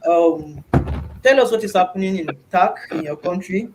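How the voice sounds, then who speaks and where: A man's voice: sits high, normal speed, background noise. A man from Nigeria hosting an online community call, earnest and repetitive, with many fillers. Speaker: host. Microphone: video call.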